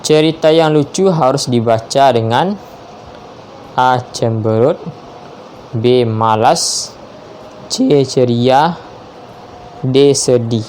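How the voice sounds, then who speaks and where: Slow, measured man reading quiz answers. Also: mid-range voice, a little mellow, a little hiss or hum. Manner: measured, spells out each option, confirms answers with "ya". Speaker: teacher reading quiz questions.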